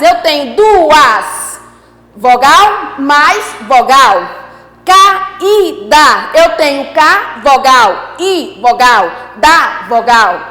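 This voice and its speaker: A woman teacher giving an online class, lively, asking the class questions and repeating key points. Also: high voice, roomy sound, in a large hall.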